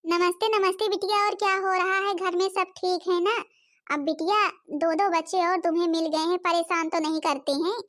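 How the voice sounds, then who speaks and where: A woman's voice: very high voice, fairly even intonation, normal speed, fairly bright tone. A woman voicing a fussy older mother who gives advice over the phone in a cartoon. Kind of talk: cartoon voice acting.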